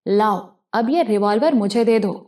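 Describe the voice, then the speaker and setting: A woman's voice: medium pitch, darkish tone, close to an everyday voice. A woman reading the lines of a male gang member who mocks with a laugh. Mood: mocking. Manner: laughing, mocking.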